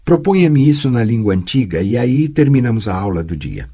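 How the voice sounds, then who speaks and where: A man voicing a patient, teasing sorceress who tutors a girl, speaking calmly and gently chiding in an audiobook. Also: mid-range voice, fairly quick, slightly rough. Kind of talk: audiobook character voice.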